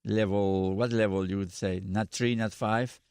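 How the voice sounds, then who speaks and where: A man's voice: lowish voice, fairly even intonation, measured pace, darkish tone, smooth, dry recording, clean studio sound. Spanish-speaking man hosting an interview. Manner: searching for words, asking in short restarts. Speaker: podcast host. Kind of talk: casual interview.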